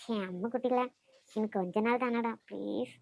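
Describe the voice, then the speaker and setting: A woman's voice: on the high side, normal speed, vocal fry, a little mellow, no room sound. A woman voicing a teasing young sweetheart. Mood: coaxing. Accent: Nagercoil Tamil. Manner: playful, coaxing. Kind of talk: cartoon voice acting.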